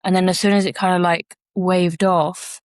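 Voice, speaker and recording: A woman's voice: fairly low pitch, level tone, moderate pace, dry recording, studio quality. A woman co-hosting a podcast, telling a personal story frankly and reflectively and swearing casually. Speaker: podcast co-host.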